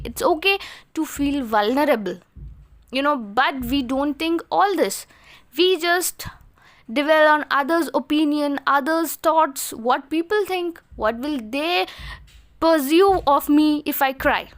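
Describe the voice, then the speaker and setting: A woman giving an earnest, emphatic motivational talk, often posing rhetorical questions. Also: high voice. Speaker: motivational speaker.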